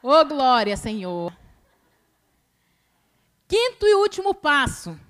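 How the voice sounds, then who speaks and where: A woman with a Brazilian accent preaching a colloquial sermon at a church service, chatty and teasing, her voice swinging between loud and hushed. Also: sits high, big pitch swings, slow pace.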